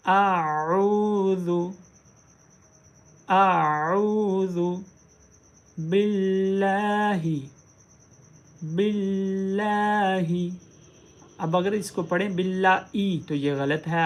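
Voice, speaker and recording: A man teaching Quran pronunciation, explaining patiently and drawing out recited words syllable by syllable. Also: a little high. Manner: drawn-out, syllable-by-syllable recitation of examples. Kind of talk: tajweed pronunciation lesson.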